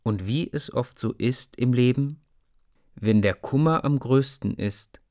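A man's voice: mid-range voice, a little slow, a little mellow, no echo, studio quality. A man narrating a children's storybook, talking directly to his listeners.

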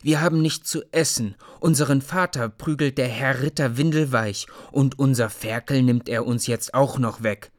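A man's voice: medium pitch, moderate pace, hardly any pauses, pitched above the performer's own voice, close to an everyday voice. A man voicing a bitter, defiant peasant boy in a storybook reading, speaking with indignant outrage. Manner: indignant, raised voice.

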